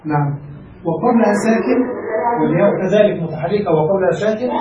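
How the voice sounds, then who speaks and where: Male teacher, high soft-toned voice, patient explainer who quizzes the class, miked from afar. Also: lively intonation, fast, muffled recording. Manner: explanatory, asks students rhetorical questions, repeats points. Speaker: sheikh teaching grammar. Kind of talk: classroom grammar lesson. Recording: distant mic with faint background noise.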